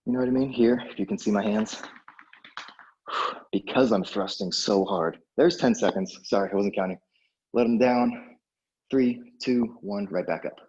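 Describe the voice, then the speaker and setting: A man's voice: lowish voice, moderate pace, darkish tone, slightly rough, dull audio. A man coaching a workout like an aerobics instructor, casually giving short encouraging cues and countdowns while exerting himself. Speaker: fitness instructor.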